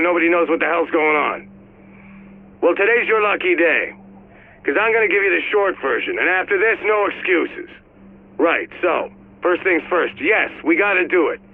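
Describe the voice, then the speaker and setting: An actor playing a blunt, weary police commander who briefs his officers in a gruff manner. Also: sits high. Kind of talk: game audio log. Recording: tinny radio-like recording.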